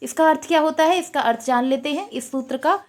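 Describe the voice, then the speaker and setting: A woman's voice: high-pitched, fast. A woman teaching a Sanskrit exam-prep lecture, asking questions and repeating the answers.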